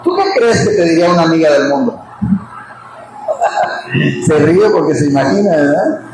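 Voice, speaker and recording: High-voiced pastor in an echoey hall. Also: male voice, normal speed. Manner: animated, questions the congregation and laughs often. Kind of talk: expository sermon at a Bible study. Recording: very echoey church hall with background noise.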